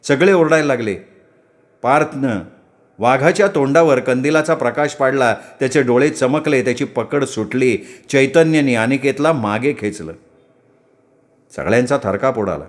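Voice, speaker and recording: A man's voice: mid-range voice, animated, normal speed. A man narrating a story with dramatic, vivid delivery.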